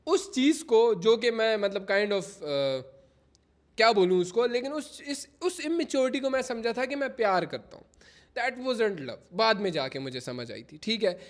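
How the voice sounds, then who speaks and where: A young man livestreams a casual chat, giving advice and mixing English phrases into Hindi while repeatedly begging viewers to stop laughing. His voice is high-pitched with lively intonation, and he talks a little slowly.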